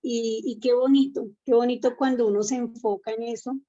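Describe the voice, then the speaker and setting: A woman's voice: a little high, steady tone, normal speed, dark tone, highs cut off. A woman from the congregation giving a casual testimony, chatty and laughing between thoughts. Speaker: congregation member. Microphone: online meeting.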